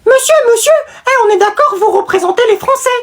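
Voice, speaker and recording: A performer voicing a loud, cocky young schoolkid who yells in slang. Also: very high voice, expressive, fast talker. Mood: rowdy. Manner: yelling slang.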